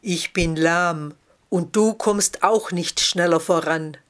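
A woman voicing a rough-voiced, self-doubting lame man on crutches in a storybook reading. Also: on the low side, takes it slowly. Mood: self-deprecating. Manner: self-deprecating, then eager.

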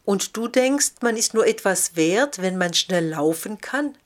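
A woman voicing a wise, gentle female snail in a storybook reading, speaking in an encouraging, thoughtful way. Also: medium pitch, expressive, unhurried, lightly acted.

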